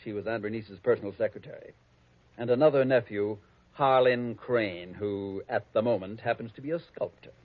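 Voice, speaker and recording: In 1940s radio acting, a male actor with a fairly low voice and a moderate pace plays a prim, snobbish, scheming heir. He speaks precisely, sarcastically and haughtily, lightly acted. The old radio recording is dull, dry, and lo-fi.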